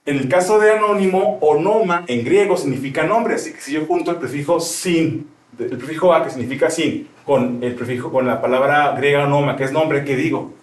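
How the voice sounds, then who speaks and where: A man with a slightly high, brisk voice teaches grammar in a classroom, explaining as he goes and frequently checking that his students follow. It's a classroom lecture, recorded in a roomy space with the microphone far away.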